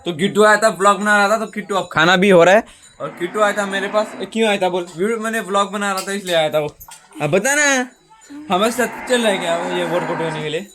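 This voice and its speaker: A man's voice: sits high, fast, fairly bright tone, a little hiss or hum. A young man, chatting casually through a daily vlog while rambling and restarting his sentences. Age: young adult. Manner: rambling, restarts often, says "matlab" and "guys". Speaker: vlogger. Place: village home and roadside, outdoors. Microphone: handheld phone.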